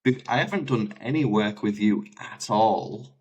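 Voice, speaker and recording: A man's voice: on the low side, unhurried, muffled recording. An English man, a life coach, telling stories in casual conversation, acting out the dialogue. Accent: British English. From England. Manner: animated, acts out quoted dialogue with laughs. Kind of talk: conversational storytelling.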